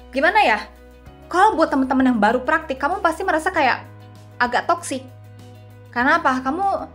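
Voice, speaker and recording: Young female vlogger, casual chatty delivery straight to viewers, fairly high voice, faint music under her. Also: a bit bright. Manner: chatty, addresses viewers directly. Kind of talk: casual talk to camera. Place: seated indoors at a camera with a lamp. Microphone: camera and phone in front.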